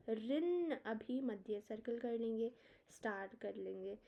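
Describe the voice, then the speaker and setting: A woman's voice: fairly high pitch, animated, slow pace, creaky. A woman teaching an Ayurveda exam-prep lecture. She reads Sanskrit verses, explains them in Hindi with English terms, and gives memory tricks. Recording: dull lo-fi lecture recording.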